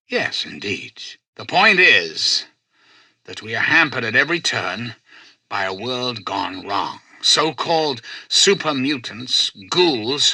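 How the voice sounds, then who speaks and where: A male actor playing a self-styled president in a video game, a calculating artificial intelligence who speaks in formal, measured, persuasive oratory. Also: mid-range voice, sharp tone, slightly rough, no echo, exaggerated voice. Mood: grave, zealous. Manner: grandiose, measured, courteous, persuasive. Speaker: president addressing personnel and listeners.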